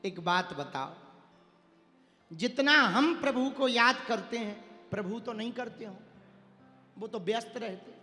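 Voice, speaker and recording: A man's voice: very high-pitched, expressive, slow, pauses often, bright, forceful tone, big-room sound, faint music behind, full character voice. A man voicing a grieving queenly goddess in a sermon, speaking plaintively. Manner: plaintive, complaining.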